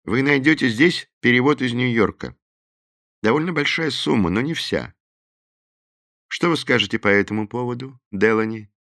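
A man voicing a male detective with a measured, courteous way of speaking. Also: medium pitch, a bit bright, dry recording, studio quality, voice pushed up, lightly acted. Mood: calm courteous. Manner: measured, polite.

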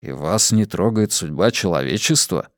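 Man reading as calm, grave archaeologist, dry sound. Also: low-pitched, no echo. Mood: probing. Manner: measured, restrained. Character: calm, grave male archaeologist, stoic and reasoning. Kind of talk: dramatised audiobook reading.

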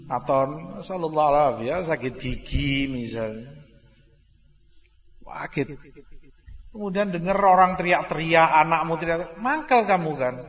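A man giving a religious study lecture, slow and earnest, driving his points home in short repeated phrases. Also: a little high, fairly bright tone. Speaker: religious teacher. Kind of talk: recorded Islamic study lecture. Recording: dull lo-fi hall recording with long reverb.

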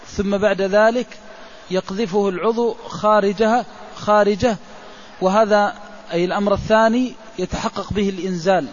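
A man, a religious scholar, explains a classical legal text in a measured lecture and pauses on drawn-out fillers. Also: sits high. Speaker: religious scholar teaching jurisprudence. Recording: dull lo-fi recording with faint hiss.

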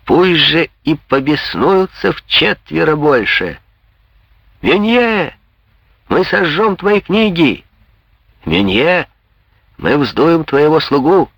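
Man voicing a shouting young student, high jeering cries, swooping tone, dry close sound. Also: big pitch swings, slow, long pauses, slightly rough, no room sound, full character voice. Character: rowdy mocking young male student, shouting taunts.

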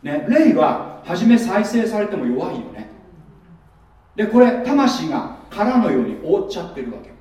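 A pastor preaches a sermon conversationally, unhurried and very animated, in a high, dark voice, and he often puts rhetorical questions to the listeners. The room is very echoey, and he sounds far off.

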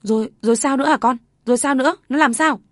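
A woman voicing a furious, shrill village aunt. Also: fast talker, fairly bright tone, no room sound, studio quality. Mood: anxious. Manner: scolding, shrill outbursts. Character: furious older village aunt, sharp-tongued.

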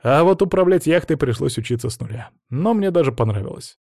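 A man's voice: a little high, lively intonation, fairly quick, vocal fry, darkish tone, no echo, studio quality. A man reading a teasing young romantic hero. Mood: playful. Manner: teasing, cheerful.

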